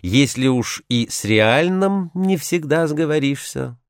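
A man tells the history of words in a measured, storytelling manner. His intonation moves lively up and down. The recording is dry and close. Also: fairly high pitch, smooth, no room sound. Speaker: language historian explaining word origins. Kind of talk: scripted educational narration.

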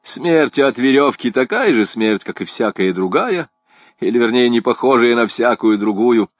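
A man voicing an excitable, rambling young male poet in an audiobook, wry and theatrical. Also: no echo, lightly acted. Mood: musing. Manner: high-pitched, fast-shifting, wry and theatrical. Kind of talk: audiobook character reading.

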